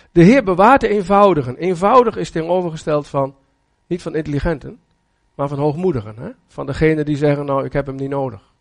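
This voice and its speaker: An older man delivers a sermon with a gravelly, creaky texture to his voice. His pitch sits a little high for a man. He preaches in an earnest, conversational way and keeps drawing his listeners in with little tag questions.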